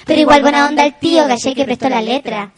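A woman's voice: steady tone, fast, over music, close to an everyday voice. A woman voicing a brash, unfiltered young female cousin who works in retail, with a Chilean accent and crude slang, hosting a comedy stream. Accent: Chilean Spanish. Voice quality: shrill, loud, laughing, crude slang. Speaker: comedy stream host reading chat. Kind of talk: improvised comedy character.

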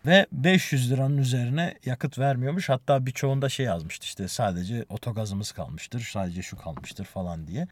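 A man's voice: mid-range voice, dry recording. A young man telling his own story in a casual, emotional way, building in intensity as he relives it.

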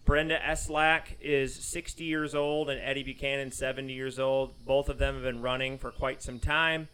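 A man's voice: medium pitch, flat delivery, normal speed, sharp tone, smooth, poor audio. A man in his thirties with a Southern US accent, hosting a running podcast in a studio, reading race results and then chatting with fillers. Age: 30s. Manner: reads a long list of race results, then chats with fillers. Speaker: podcast host and running coach. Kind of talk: podcast chat with a scripted intro.

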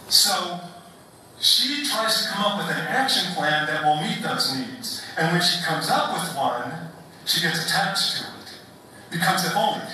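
A man delivers a prepared talk with a sharply bright, somewhat high voice. He speaks in measured steps, pausing and asking rhetorical questions. His voice rings through a reverberant hall, caught from a distance. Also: a little hiss or hum. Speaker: public speaker. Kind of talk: prepared public talk to an audience. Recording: echoey hall, picked up from a distance.

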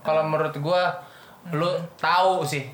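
A man's voice: on the high side, fairly even intonation, measured pace, a bit bright. A man hosting a casual podcast chat, animatedly quizzing his guests on regional words. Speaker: podcast host. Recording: roomy room, faint background noise.

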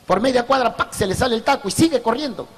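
A man's voice: very high voice, lively intonation, fast, breathy edge, in a large hall. A man with a Peruvian accent doing a crude, slangy street stand-up routine with punchy storytelling. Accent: Peruvian Spanish. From Peru. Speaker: street comedian.

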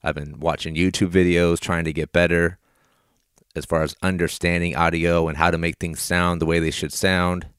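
Male podcast host, low register, close dry sound, keeping it down at night while delivering encouraging affirmations. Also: little pitch movement, moderate pace, fairly bright tone, clear, resonant tone, no room sound. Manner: encouraging, addresses listener directly. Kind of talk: motivational affirmations podcast monologue. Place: small plastic play structure in a garage, padded with towels and blankets.

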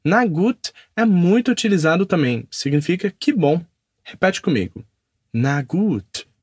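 A man's voice: high-pitched, sing-song, normal speed, slightly rough, no room sound, clean studio sound. A man teaching a podcast language lesson. He enunciates repeat-after-me drills carefully and follows them with upbeat praise.

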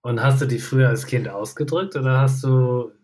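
A man speaking reflectively in a supportive personal conversation, asking gentle questions. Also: medium pitch, normal speed, breathy edge.

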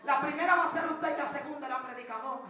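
A woman preacher, delivering a fervent sermon that swings between shouting and hushed testimony. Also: high voice, fast talker. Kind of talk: Pentecostal-style sermon. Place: large church hall. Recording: very echoey hall, distant mic, congregation.

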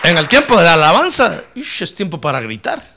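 A man preaching a fiery sermon in church, dropping to low asides and then rising to shouted praise. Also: big pitch swings, brisk, over a noisy crowd, heavy background noise. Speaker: pastor.

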